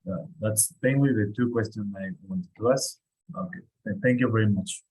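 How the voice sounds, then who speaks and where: A man with a low, husky voice asks a course instructor questions over an online call. He hesitates often, restarting words and filling pauses as he searches for phrasing. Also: darkish tone, poor audio. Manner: hesitant, repeats words, many fillers. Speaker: course participant asking questions. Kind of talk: online office hours question. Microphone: video call.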